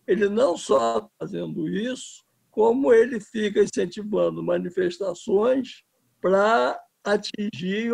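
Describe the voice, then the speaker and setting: A Brazilian filmmaker in his seventies talks in a political interview, his voice pitched high with vocal fry, a warm tone and a breathy edge. He speaks with impassioned emphasis and often restarts words.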